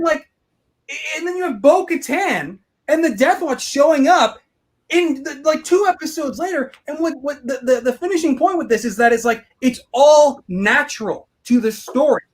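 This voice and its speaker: An excitable man talks with real enthusiasm on a casual podcast, leaning on "dude" and "bro" as he piles one idea onto the next. He speaks from home in an easy, everyday voice. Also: extremely high pitch. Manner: eager, animated, says "bro" and "dude" a lot. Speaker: podcast co-host.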